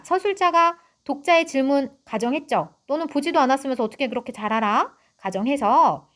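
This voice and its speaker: A woman teaching literature in an online lecture, with a fairly high voice that rises and falls widely. She talks straight to her students in a chatty way, explaining the text and asking them questions as she goes. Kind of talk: online exam-prep lecture.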